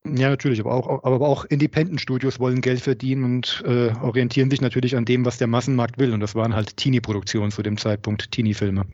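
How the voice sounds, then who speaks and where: A man co-hosting a podcast, weighing his points in a measured, thoughtful way. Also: medium pitch, flat delivery, darkish tone, dry recording, muffled recording. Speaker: podcast co-host. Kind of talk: casual film discussion.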